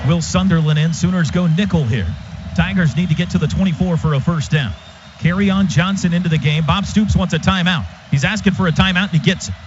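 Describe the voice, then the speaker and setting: A brisk, high-pitched American man calls a football game live on the radio from a stadium booth, tracking the action in short, vivid bursts. The broadcast sounds dull and noisy.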